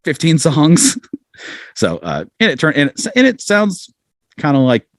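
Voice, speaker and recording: A middle-aged man's slightly high voice swoops wildly in pitch while he talks a little slowly, guesting on a podcast with casual, self-deprecating anecdotes and acted-out quotes. The studio sound is clean, with no echo.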